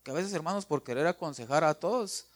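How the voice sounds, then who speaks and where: Guy preaching, keeps repeating himself, asks the church "right?" a lot, loud then quiet. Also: a little high, animated, quick pace. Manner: emphatic, repeats phrases, asks the congregation "right?"; acts out quoted voices with sharp swings in loudness. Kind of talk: sermon.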